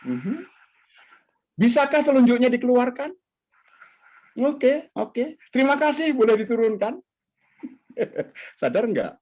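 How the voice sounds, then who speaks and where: A man's voice: takes it slowly, long pauses. A man teaching communication skills in an online training session, talking straight to his audience over a video call. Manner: animated, swings pitch widely, addresses audience directly.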